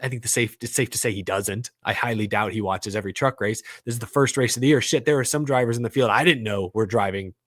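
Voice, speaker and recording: A man co-hosting a podcast, chatting casually about motorsport in a lively way. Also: fairly low pitch, fast talker, hardly any pauses, dry recording, studio quality. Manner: lively, mimics announcers in exaggerated voices. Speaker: podcast co-host.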